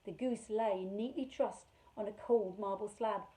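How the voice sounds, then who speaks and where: A woman reading a children's novel aloud in a measured, expressive way. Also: mid-range voice, low-quality recording. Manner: measured, expressive, slows on key words. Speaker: storyteller for children.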